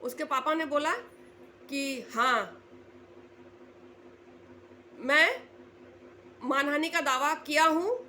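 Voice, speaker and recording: High-voiced woman telling a family story. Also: animated, slow, pauses often, pushed and bright, slight background noise. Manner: conversational, acts out quoted family lines in a lowered voice. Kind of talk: casual spoken storytelling.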